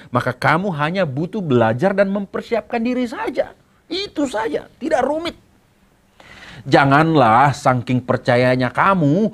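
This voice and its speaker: A man with an Indonesian accent, a pastor giving a sermon to students and telling stories with a playful, lively manner. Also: sits high. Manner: lively storytelling with acted quotes.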